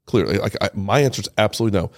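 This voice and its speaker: A man giving an emotional personal testimony in an interview, halting and often repeating his words. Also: on the low side, gravelly. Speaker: interview guest, father. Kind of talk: personal testimony, casual storytelling.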